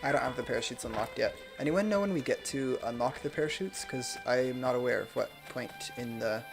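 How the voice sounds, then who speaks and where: A young man streams a game from his home room, casually chatting and reading viewer comments aloud in a soft, self-deprecating way into a desk microphone. His mid-range voice is brisk with vocal fry, and game music plays in the background.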